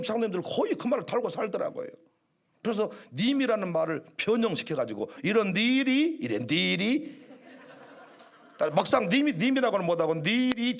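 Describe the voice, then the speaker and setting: A male pastor, preaching a sermon emphatically and with humor, swinging from hushed tones to shouts. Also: sits high. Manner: humorous, acting out church squabbles.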